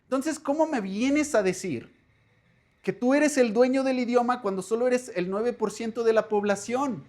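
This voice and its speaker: A man with a Mexican accent, a language teacher chatting casually about a book to his viewers, animated and slangy, with frequent rhetorical questions. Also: very high voice, moderate pace. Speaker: language teacher and bookshop channel host. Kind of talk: casual book review to camera.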